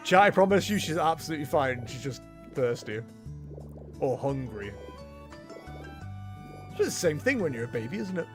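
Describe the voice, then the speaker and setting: A man with a fairly high, very animated voice, streaming a video game. He rambles and jokes casually, with music behind him. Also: normal speed, pauses often. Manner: jokey, rambling. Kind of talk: casual chat and game commentary.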